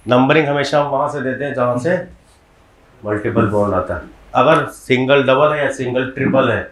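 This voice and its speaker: A male chemistry teacher lectures his class in a mid-range voice at normal speed, explaining step by step and often quizzing students. The room sounds roomy, with clear echo off the classroom walls and a crowd in the background.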